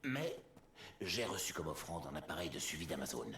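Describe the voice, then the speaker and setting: An actor voicing a boastful male war god in a video game, theatrical and quick to swing between gloom and bluster. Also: very deep voice, very animated, a bit bright, reverberant, slight background noise, full character voice. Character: boastful grown male war god, bird-brained and sulky. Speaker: game character.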